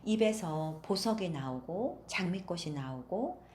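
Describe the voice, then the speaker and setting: A magical grandmother from a fairy tale speaks in a slow, soft, breathy voice, performed by a woman storyteller. She sounds calm and kindly, with a firm edge underneath. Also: fairly low pitch, a little hiss or hum. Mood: gentle. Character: magical old grandmother, kindly but stern.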